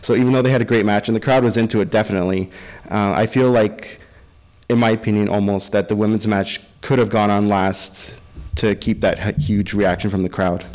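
A man's voice: lowish voice, steady tone, brisk, darkish tone. A man co-hosting a podcast, casually recapping and discussing wrestling in an echoey room. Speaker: podcast co-host.

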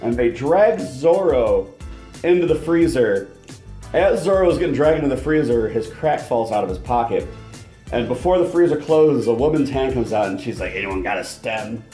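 A man's voice: mid-range voice, moderate pace, soft background music. A man co-hosting a podcast, chatting casually about a movie and acting out quotes as he retells scenes. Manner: animated retelling, acts out quotes. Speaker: podcast co-host. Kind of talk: casual movie review chat. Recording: roomy echo.

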